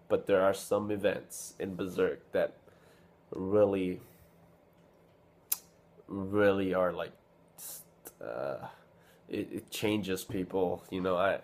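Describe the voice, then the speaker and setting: A man talking casually to camera about a comic he loves, rambling with many fillers and restarts, a little sick. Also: sits low. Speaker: vlogger reviewing a manga. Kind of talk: casual unscripted talk to camera.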